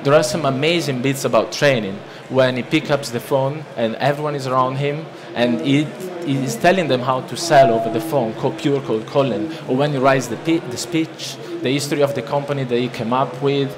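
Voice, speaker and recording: A man's medium-pitched, Italian-accented voice moves a little fast with scarcely a pause as he delivers a casual seminar talk, restarting often and leaning on fillers. This Italian conference presenter in his thirties stands at a lectern in a large conference hall, speaking into its microphone, with background noise from the listening audience.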